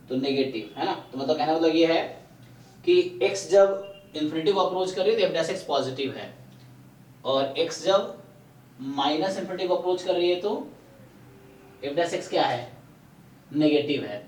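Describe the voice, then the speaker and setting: A man's voice: fairly high pitch, normal speed, darkish tone, far from the mic. Man, math teacher, step-by-step explanation, echoey room, faint background noise. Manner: explains step by step, often asking "है ना". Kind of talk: live online lecture.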